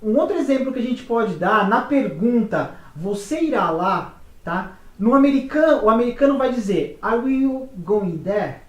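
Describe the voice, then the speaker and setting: A woman's voice: on the high side, very animated, moderate pace, distant mic. A woman co-hosting a casual explainer chat, talking loosely with frequent fillers. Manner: chatty, uses fillers like "tá" and "né". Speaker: co-host. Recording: echoey room, away from mic.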